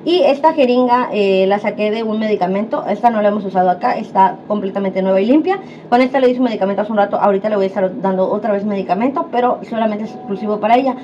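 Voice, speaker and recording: A mellow, medium-pitched woman talks quickly and casually to her audience in a home vlog, as if speaking with friends. Her audio is dull and lo-fi with audible background noise.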